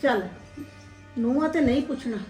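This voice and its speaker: An elderly mother, acted by a woman, laments her neglect in a high, sorrowful voice. The sound is echoey and distant, with music playing softly behind. It is family drama acting. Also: fairly quick, natural voice. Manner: lamenting, sorrowful, breaks into tears. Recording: echoey room, mic far off, music behind.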